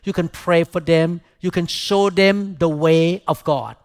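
Older male preacher, Thai accent, high voice, dry close sound, emphatic short phrasing. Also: steady tone, measured pace, clear, resonant tone, no room sound. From Thailand. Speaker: pastor preaching. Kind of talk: sermon.

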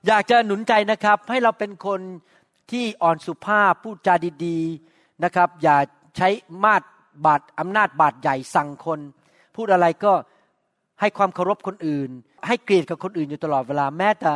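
A man's voice: high-pitched, normal speed, fairly bright tone, no room sound, studio quality, in a large hall. A middle-aged man preaching a sermon, earnest, acting out short quoted exchanges. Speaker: pastor.

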